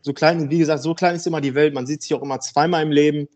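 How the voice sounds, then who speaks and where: A man in his thirties from Germany, a football player talking frankly and a bit haltingly as a podcast guest. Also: on the high side, steady tone, a little mellow. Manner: frank, rambling, hesitant. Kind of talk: casual podcast interview.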